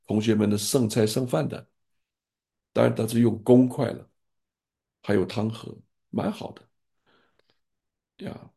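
A gravelly, dark-toned older male pastor speaks in a fairly low register. His voice is husky, and he gives earnest, fatherly advice in a relaxed pastoral sharing. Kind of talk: pastoral sharing in an online group.

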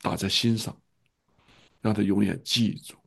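Gravelly earnest male pastor. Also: lowish voice, fairly even intonation, unhurried, a bit bright. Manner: earnest, repeating phrases for emphasis. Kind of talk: sermon storytelling.

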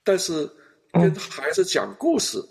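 A man's voice: on the high side, a little slow, creaky. A male pastor in a counseling chat, telling family stories and acting out the scenes as he goes. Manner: animated storyteller, acts out family scenes.

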